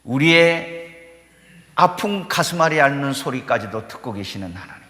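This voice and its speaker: A man preaching a sermon as pastor of his church, building to fervent peaks and dropping low between them. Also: expressive, normal speed, sharp tone. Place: church sanctuary. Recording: echoey church hall reverb.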